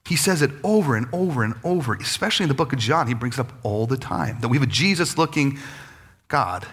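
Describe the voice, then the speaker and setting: Guy giving a sermon, talks casual, sits a bit high, keeps acting out quotes. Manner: conversational, animated, acts out quoted voices. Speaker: pastor.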